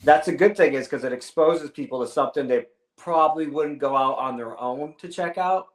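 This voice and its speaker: A man's voice: a little high, a little fast. A man chatting casually as a musician guest in an interview. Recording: roomy, echoing sound.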